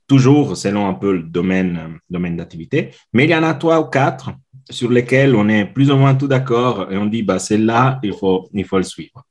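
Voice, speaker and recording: An Italian man in his forties talks in a lowish voice with an Italian accent. He is a guest in a casual interview, searching for words, with frequent filler sounds and restarts. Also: normal speed. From Italy. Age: 40s. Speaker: guest, customer experience consultant.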